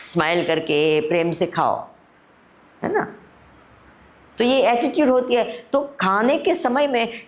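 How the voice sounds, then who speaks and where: At a spiritual camp, a woman spiritual teacher gives an unhurried discourse in a voice on the high side. She often asks her listeners questions and mixes Hindi with English.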